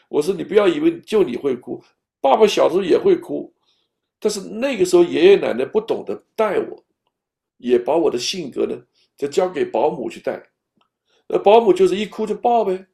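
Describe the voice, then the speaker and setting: Man, parenting talk, patient and expressive, fairly high-pitched, lively intonation. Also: creaky. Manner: animated and expressive, at times dropping to a soft whisper. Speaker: parenting speaker. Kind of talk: parenting talk, speaking straight to an imagined baby.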